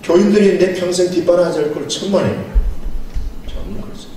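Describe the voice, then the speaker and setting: Pastor preaching in an echoey hall. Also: male voice, sits high, steady tone, brisk, warm tone. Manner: storytelling, acts out dialogue, chuckles often. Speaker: pastor giving a seminar lecture. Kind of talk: sermon. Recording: very echoey hall, mic far off, faint noise.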